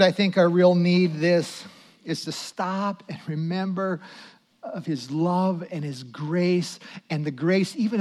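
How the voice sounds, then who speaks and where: High-voiced pastor preaching slowly. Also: male voice. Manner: dramatic swings from loud to hushed, prayerful asides. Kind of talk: sermon.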